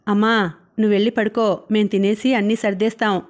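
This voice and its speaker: A woman voicing an affectionate young husband in a storybook reading who speaks gently and teases playfully. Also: medium pitch, little pitch movement, fairly quick, lightly acted. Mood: teasing.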